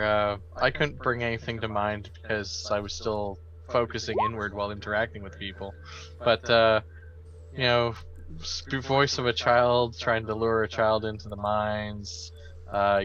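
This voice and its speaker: Bright, lowish-voiced man, slightly dull recording. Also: level tone, moderate pace. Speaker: tabletop game player. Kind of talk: casual role-play chat.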